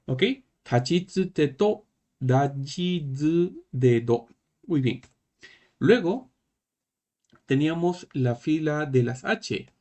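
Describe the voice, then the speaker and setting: Slow, patient male Japanese teacher. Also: medium pitch, a little mellow. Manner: slow, repetitive, checking in with "¿no?" and "¿sí?". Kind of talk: classroom lesson.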